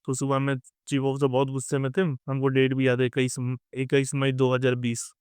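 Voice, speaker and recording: A man's voice: medium pitch, monotone, brisk, a little mellow, clean tone, dry recording, studio quality. A young man tells a casual story about life at sea and keeps dropping "theek hai" and "matlab" as he goes. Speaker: merchant navy officer sharing advice.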